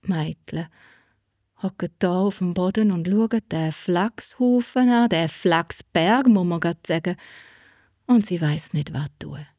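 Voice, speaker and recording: Husky Swiss woman telling a fairy tale. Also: fairly low pitch, slow pace, dry recording, clean studio sound. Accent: Swiss German. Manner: lively, animated, addresses listeners. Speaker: storyteller.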